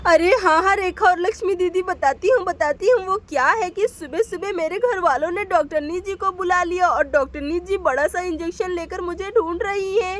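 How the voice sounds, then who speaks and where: A woman voicing a frightened young neighbour who pleads in a hurried, breathless way. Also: very high voice, a bit bright. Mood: panicky. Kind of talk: storybook voice acting.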